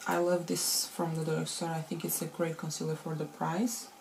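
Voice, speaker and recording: A woman's voice: deep voice, level tone, moderate pace, creaky, a little hiss or hum. Woman vlogger with a rusty morning voice. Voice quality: slightly rusty, unused morning voice. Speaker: beauty vlogger. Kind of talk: casual chatty makeup tutorial.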